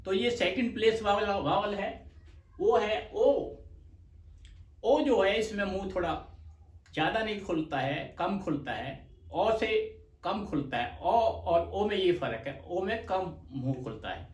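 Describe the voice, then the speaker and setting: Slow high-voiced man teaching, echoey room. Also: lively intonation. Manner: patient, repeats words slowly for dictation. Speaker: shorthand teacher. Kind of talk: slow explanatory lecture. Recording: echoey room, mic far off.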